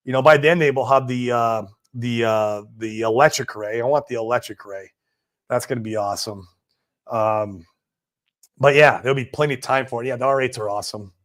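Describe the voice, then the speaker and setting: A man's voice: mid-range voice, normal speed, a bit bright. A man in his forties hosting a casual livestream, chatting in a laid-back, slangy way and peppering his talk with "man" and "dude". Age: 40s. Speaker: livestream host. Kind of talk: casual livestream chat reading viewer comments. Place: home in Puerto Rico.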